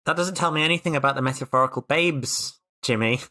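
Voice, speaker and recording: In casual chat, a player describes a tabletop role-playing game in a middle-pitched voice. The delivery is fast, sharp-toned and emphatic, often repeating words.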